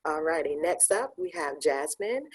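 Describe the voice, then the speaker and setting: A woman's voice: low voice, lively intonation, a little slow, breathy edge. A woman hosting an online graduation ceremony, announcing graduates in an upbeat, casual way with many fillers. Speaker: ceremony host.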